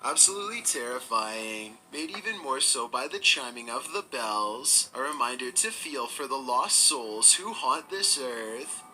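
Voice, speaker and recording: A man giving scripted narration for a countdown video, in a steady, measured storytelling delivery. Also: medium pitch, slight background noise, poor audio.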